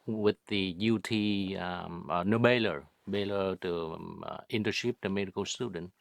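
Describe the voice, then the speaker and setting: A man in his fifties from Vietnam with a Vietnamese accent, answering oral history questions in halting, broken English with many fillers. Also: deep voice, creaky, no echo. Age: 50s. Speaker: interviewee.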